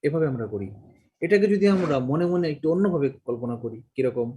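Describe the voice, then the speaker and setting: A middle-aged man lectures a class on mental math. His voice sits slightly high, and he keeps throwing questions at his students while slipping English words and numbers into his speech. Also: quick pace, muffled recording, a little hiss or hum. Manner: lively, asks the class questions. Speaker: math teacher.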